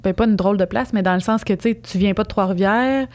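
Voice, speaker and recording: A woman's voice: medium pitch, darkish tone. Woman hosting a podcast. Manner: casual, asks questions in quick follow-ups. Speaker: podcast host. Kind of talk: casual podcast interview.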